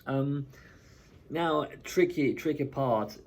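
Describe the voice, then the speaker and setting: A man's voice: medium pitch, takes it slowly, creaky, darkish tone. Chatty man from Turkey vlogging. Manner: chatty, often adds "right?" and "you know". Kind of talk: casual talk to camera.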